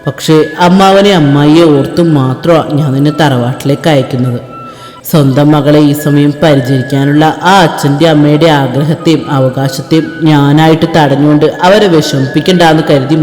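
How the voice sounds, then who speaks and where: A devoted young husband in a spoken storybook, voiced by a male narrator, gentle and reassuring, his voice a little high for a man. A long reverb rings around him, with faint music beneath. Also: natural voice.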